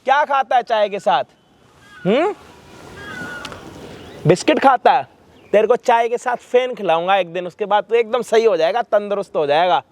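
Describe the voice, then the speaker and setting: High-voiced man scolding harshly. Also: moderate pace, long pauses. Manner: harsh, rebuking, swears freely. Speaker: vlog host confronting a son. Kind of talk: staged confrontation, scolding.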